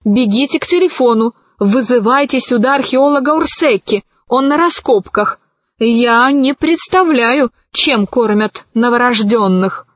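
A woman reading the lines of a brisk, commanding female bird-creature scientist in a storybook, with sharp, curt speech. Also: fairly high pitch, no room sound.

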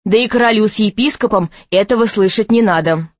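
A woman narrating a children's storybook aloud in an expressive, lively reading. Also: mid-range voice, a little fast, no echo. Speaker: audiobook narrator.

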